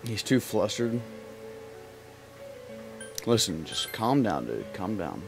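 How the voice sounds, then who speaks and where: A man's voice: on the low side, big pitch swings, takes it slowly, creaky, music in the background. A young man with a lisp giving rambling, joking commentary as he plays a video game. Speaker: let's play commentator. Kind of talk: casual gameplay commentary.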